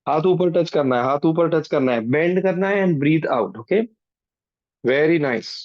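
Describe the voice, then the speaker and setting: A man's voice: fairly high pitch, a little slow. A man with an Indian accent coaching a live group workout in Hindi and English, urging people on with repeated short commands and counts. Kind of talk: live exercise class instruction, mixing Hindi and English. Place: online group video call. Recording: dull, roomy video-call audio.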